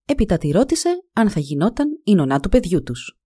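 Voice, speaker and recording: A woman narrating a folk tale in a calm, measured storytelling voice. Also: mid-range voice, husky.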